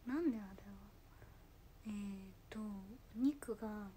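A young woman from Kochi speaking with a Tosa dialect, chatting casually on a livestream and answering comments in a soft voice that sometimes drops into a whisper. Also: medium pitch, measured pace, a little hiss or hum. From Kochi, Japan. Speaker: idol livestreamer.

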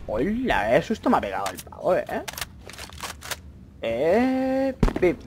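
A young man commentating his own gameplay, chatty, with excited outbursts and muttered asides. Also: fairly high pitch, slow pace. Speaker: gaming YouTuber. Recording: faint noise, mouse and keyboard clicks.

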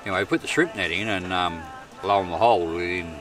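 Camping and fishing on a riverbank at night, a middle-aged Australian man narrates his camp casually to camera as an outdoor vlogger, relaxed, talkative and amused by himself. He has a deep voice and a quick pace, with music underneath. The sound comes from a camera mic at a distance, with night noise from outdoors.

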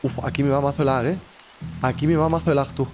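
A man's voice: mid-range voice, steady tone, quick pace. A man with a Spain Spanish accent hosting a game video, teasing and swearing a lot. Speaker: host. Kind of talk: casual gaming commentary. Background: background music.

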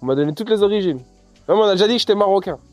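A young man, an MMA fighter chatting casually in an interview, relaxed and full of fillers. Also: high-pitched, rapid-fire, no room sound, soft background music. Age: young adult. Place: outdoors by a pool. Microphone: lapel mic.

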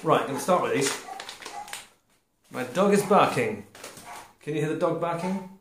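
A man's voice: fairly high pitch, animated, fairly bright tone. Man's casual tasting chat, roomy echo. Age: 40s. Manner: halting, muttering between bites with a full mouth. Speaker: food review vlogger. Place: small glazed conservatory. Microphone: camera a short distance away. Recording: roomy echo, clear background noise.

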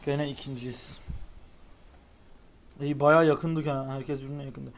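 A young man giving casual, excitable commentary while playing a racing game online. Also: medium pitch, a little slow, a little hiss or hum. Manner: excitable, exclaims at near misses. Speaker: gaming YouTuber.

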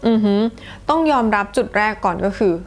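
A woman with a Thai accent teaching English pronunciation in a playful, casual way, repeating sounds slowly and clearly. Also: mid-range voice, animated, music in the background. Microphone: close to the camera.

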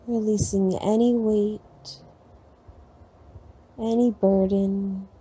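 Woman doing a sleep meditation, super slow, dark mellow voice, soothing. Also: mid-range voice, slightly rough. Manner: slow, soft and soothing, long pauses. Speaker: meditation guide.

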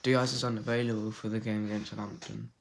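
A man's voice: lowish voice, flat delivery, fast talker, vocal fry, slight background noise. A man giving casual gameplay commentary, chatting and reacting aloud to a football game with the odd swear. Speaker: gaming channel host.

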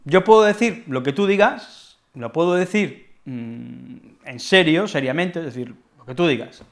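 A man from Spain with a Peninsular Spanish accent teaching colloquial expressions in a relaxed, playful way, acting out short dialogues. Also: on the high side, a little slow, creaky. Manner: playful, acts out little dialogues with his brother. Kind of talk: casual explanatory lesson with acted examples.

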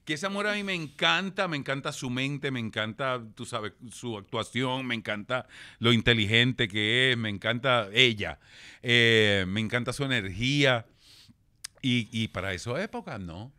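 Reflective Puerto Rican man, mid-pitched voice. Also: moderate pace, bright, forceful tone, dry recording. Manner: reflective, with fillers and some English words mixed in. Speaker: guest, actor. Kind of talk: casual interview chat. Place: podcast studio.

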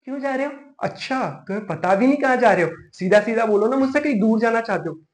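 Guy putting on a naggy suspicious girlfriend, high soft whiny tone, echoey room. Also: animated, fast talker. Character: nagging suspicious girlfriend, female, young adult.

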